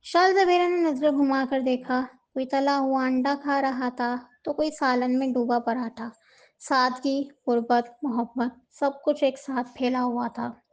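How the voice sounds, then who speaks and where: A woman narrating a novel with slow, emotive storytelling. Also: sits high, fairly even intonation, highs cut off.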